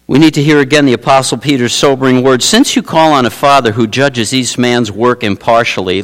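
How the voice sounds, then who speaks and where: A man preaching a sermon, his pitch leaping and falling with great animation. He drops to quiet asides, then bursts out loudly. The sound rings with the long reverb of a large hall. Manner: animated preaching, swinging from low asides to loud exclaims. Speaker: pastor.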